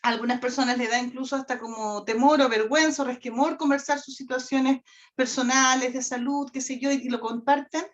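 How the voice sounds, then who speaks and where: A woman's voice: sits high, steady tone, fairly quick. A woman instructor giving a lecture on communication, checking in with her listeners often. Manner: addresses class directly, frequent "¿ya?" and "¿cierto?" check-ins. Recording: dull lo-fi audio.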